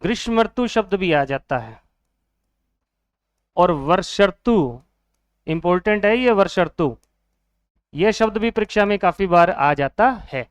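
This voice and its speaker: A man's voice: high voice, lively intonation, normal speed, smooth, no echo. A man teaching a Hindi grammar lesson for exam students, asking questions and answering them himself, repeating each key word.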